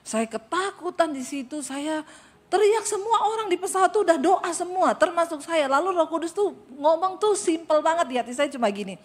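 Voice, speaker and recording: Animated woman pastor preaching, high voice. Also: moderate pace. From Sulawesi. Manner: animated, dramatic storytelling with acted-out prayers. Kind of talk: sermon with storytelling.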